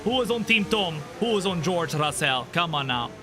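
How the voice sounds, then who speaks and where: His voice sits on the high side and has a sing-song lilt, moving at a normal speed over music. The speaker is a twenty-five-year-old livestreaming a racing game, trading jokes with viewers and teasing himself as he calls the race, while the game's car engines rumble behind him.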